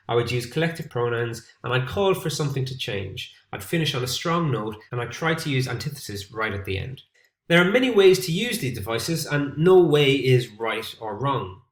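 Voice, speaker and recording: An Irish man teaching an English lesson in a steady, explanatory way, at a middling pitch. His voice sits in a roomy, echoing space. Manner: clear, steady explanatory delivery. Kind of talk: scripted lesson to camera. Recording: roomy echo.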